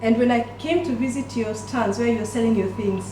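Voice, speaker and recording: High-pitched woman hosting, echoey. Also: fairly quick, warm tone. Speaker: cooking show host. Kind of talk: chatty interview. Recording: echoey, distant mic with background noise.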